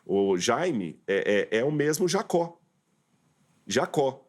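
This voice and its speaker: A man's voice: medium pitch, big pitch swings, slow pace. Man, guest professor, lecturing tone, step-by-step explanations, studio interview.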